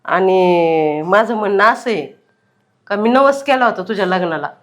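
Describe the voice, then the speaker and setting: A woman's voice: mid-range voice, expressive, moderate pace, natural voice. A woman playing a bossy older mother-in-law. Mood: commanding. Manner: bossy, insistent.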